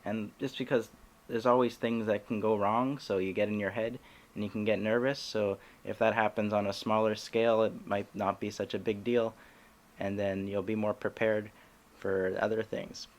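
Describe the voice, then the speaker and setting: A man hosting a comedy podcast in casual chat, talking haltingly with many restarts and little laughs. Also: on the low side, level tone.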